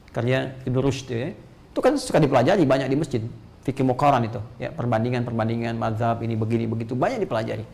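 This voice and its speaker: An Indonesian preacher delivers a motivational lecture, his voice gravelly with a middle pitch. He talks in an animated way, climbing to high emphatic peaks and tossing in playful asides.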